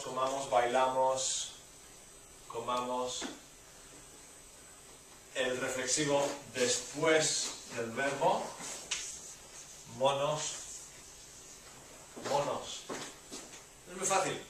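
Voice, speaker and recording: A man's voice: mid-range voice, background noise. A man teaching a university language class, drilling phrases with emphatic repetition and playful exclamations, recorded in a classroom from a distant camera. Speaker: Spanish teacher. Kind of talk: classroom lecture. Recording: very echoey classroom from far off.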